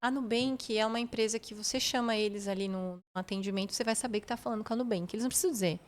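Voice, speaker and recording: Her voice is fairly high and she talks very fast. As a podcast guest, this woman methodically explains customer service techniques step by step, often tacking "né?" onto phrases to check that the listener is following.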